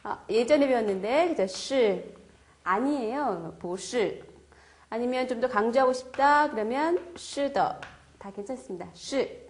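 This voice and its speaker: A woman teaching a beginner language class, her voice sitting a little high. She talks unhurriedly and drills each phrase several times in a patient, methodical way. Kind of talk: language lesson.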